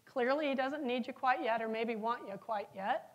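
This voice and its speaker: The recording is lo-fi, capturing a middle-aged woman's slightly high voice at a moderate pace. She's giving a keynote from the stage of a large conference hall, telling stories with energy and asking the audience questions.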